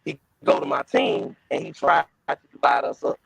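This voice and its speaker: A man's voice: medium pitch, moderate pace, creaky, a bit bright, breathy edge, dry recording. A man caller telling a story in a blunt, profane way, his voice muffled as if heard through a wall. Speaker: caller on a live stream. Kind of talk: casual storytelling.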